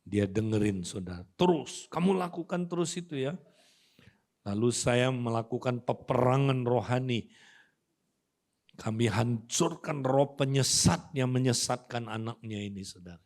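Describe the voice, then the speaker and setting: An older man preaching a sermon as pastor. He often drops his voice softly at line ends and acts out quoted talk in a gentler tone. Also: mid-range voice, unhurried, creaky. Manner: addresses listeners as saudara, soft trailing line ends. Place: church auditorium.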